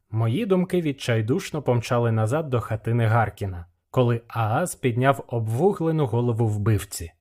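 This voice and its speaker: A man narrating a humorous fantasy audiobook in the first person, in a steady, even way. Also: medium pitch.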